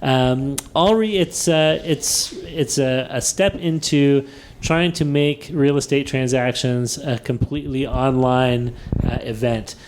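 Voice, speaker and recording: A man's voice: mid-range voice, slow pace, darkish tone, slight background noise. A man hosting a tech podcast in casual chat, thinking aloud with many fillers and restarts, laughing easily. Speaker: podcast host.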